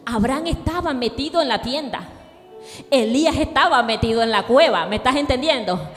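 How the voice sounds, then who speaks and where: A woman pastor preaching a sermon with fervor, calling on the congregation to repeat after her and rising to shouts. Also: high-pitched, expressive, normal speed, long reverb tail, soft background music. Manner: fervent preaching, rising to shouts, call and response.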